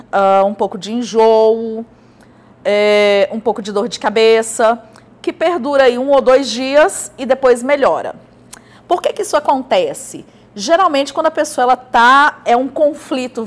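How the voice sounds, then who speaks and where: A woman with a Brazilian Portuguese accent explaining probiotics in a casual vlog, chatty and full of little fillers and anecdotes. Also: on the high side. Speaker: probiotics educator.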